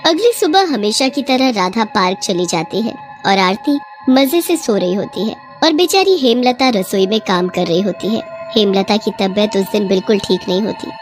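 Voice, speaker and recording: A woman narrating a bedtime horror story in a steady, expressive manner. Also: mid-range voice, moderate pace, hardly any pauses, soft background music.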